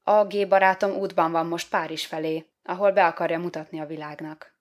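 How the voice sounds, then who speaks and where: A woman narrating an audiobook with a somewhat low voice. Her reading is measured and expressive, keeping a steady storytelling pace. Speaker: audiobook reader.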